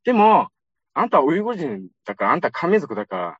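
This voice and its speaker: A man's voice: on the high side, wildly swooping pitch, fast talker, slightly rough, no echo, dull audio. A young man from Xinjiang, China, giving a chatty public lecture and often turning to his audience with asides. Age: young adult.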